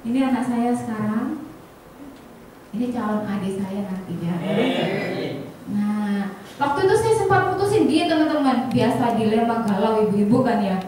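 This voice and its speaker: A woman, an insurance agent telling colleagues a personal story in an animated way, acting out the dialogue and often turning to the audience. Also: a little high, moderate pace. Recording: echoey hall from far off, faint noise.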